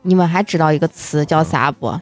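A woman's voice: low-pitched, fairly even intonation, a little fast. A woman with a Shaanxi accent chatting casually as a podcast co-host. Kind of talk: casual group chat about dialect words.

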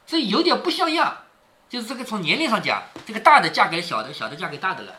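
A man's voice: high-pitched, very animated, fast, pushed and bright. A man reading a classic novel aloud to his daughter, stopping often to explain it in a chatty way with frequent tag questions.

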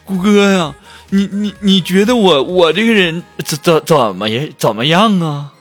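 A man's voice: sits high, expressive, normal speed, faint music behind. A man voicing a timid, dim-witted young male friend who stammers and is eager to please, in a comedy monologue.

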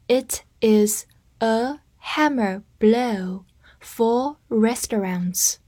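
A woman teaching English vocabulary in a scripted lesson, spelling words out and leading slow read-along drills. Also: mid-range voice, husky.

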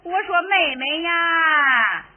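A woman's voice: very high-pitched, animated, extremely slow, faint music behind, full character voice. A woman in a Henan opera playing a scheming, greedy sister-in-law who speaks in a piercing stage voice with mock wailing. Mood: scornful. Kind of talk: Henan opera spoken dialogue. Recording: tinny phone-like recording.

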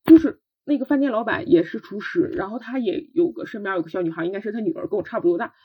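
A young woman with a husky, breathy voice tells her personal story as a podcast guest. She speaks earnestly and haltingly, often restarting her sentences. The recording sounds dull and lo-fi. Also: mid-range voice.

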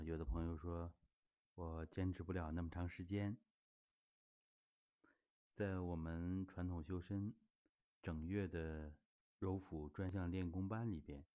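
A man's voice: low voice, mellow. A middle-aged man teaching a health exercise, explaining steadily and patiently with frequent filler particles. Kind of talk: spoken teaching talk.

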